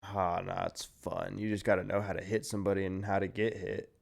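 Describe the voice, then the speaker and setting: A man's voice: low-pitched, little pitch movement, a little fast, creaky. A tired young man co-hosting a podcast, chatting casually and rambling, with plenty of swearing. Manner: laid-back, heavy swearing, rambling. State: tired, yawning. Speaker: podcast co-host. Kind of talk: casual chat.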